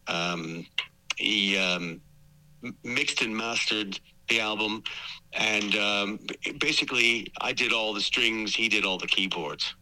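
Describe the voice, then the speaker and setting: A man, a guitarist being interviewed, who explains technical details thoughtfully with pauses. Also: fairly low pitch, pushed and bright, low-quality recording. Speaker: guitarist and guest. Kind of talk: casual interview chat.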